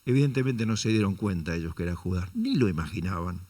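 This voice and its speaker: A man's voice: sits low, animated, fast talker, mellow. Man preaching a sermon. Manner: rhetorical questions, addresses the congregation as brother; dramatizes quotes with shifting intonation. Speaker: pastor.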